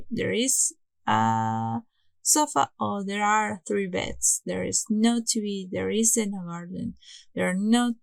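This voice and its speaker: A woman teaches an English lesson, moving patiently through grammar rules and pausing to restart her phrases. Her voice has a gravelly, fried edge at a middle pitch. The sound is close and dry, with no room around it. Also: no room sound. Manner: explains step by step, many restarts, reads English examples slowly.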